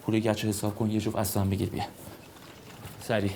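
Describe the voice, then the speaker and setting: An actor playing a man's coworker and friend who gives brisk orders. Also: lowish voice, completely flat delivery, noisy background, lightly acted. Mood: gruff. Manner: brisk, commanding. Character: bossy male friend, takes charge.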